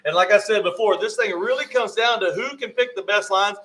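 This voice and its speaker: A man doing live race commentary at a motocross event, excitable and friendly, giving shout-outs to viewers. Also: sits high, brisk.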